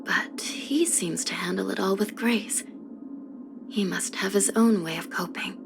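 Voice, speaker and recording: For scripted video game voice lines, a woman plays a young judge of the underworld who is weary and grave, speaking softly in measured, formal phrases with a solemn, reflective mood. Her voice is medium-pitched with vocal fry, and background music plays beneath it.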